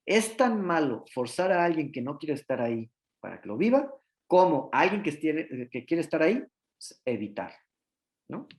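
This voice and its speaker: Male pediatrician lecturing casually, peppering points with tag questions. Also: a little high. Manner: frequent tag questions, acts out parent and child dialogue. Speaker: pediatrician giving an academic talk. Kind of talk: conversational medical lecture.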